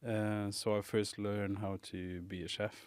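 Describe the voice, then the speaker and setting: Male podcast guest, low voice, smooth and clear, dry close sound; hesitant, reflective delivery. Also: level tone, dry recording. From Morocco. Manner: thoughtful, halting, many fillers. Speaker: guest, pastry chef. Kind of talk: casual interview.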